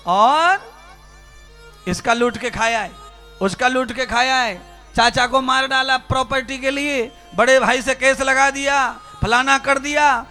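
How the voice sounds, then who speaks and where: A spiritual preacher delivers a Hindi religious discourse, fervently and rhetorically addressing his listeners directly. His very high voice is pushed and bright, his pace unhurried, with soft music in the background.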